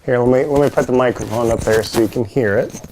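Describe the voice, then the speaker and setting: A man's voice: medium pitch, fast, darkish tone, a little hiss or hum. A man casually demonstrating outdoor gear, heard through garbled, muffled audio after moving his microphone. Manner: chatty, practical, talks while handling gear. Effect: garbled, muffled audio from the mic being moved.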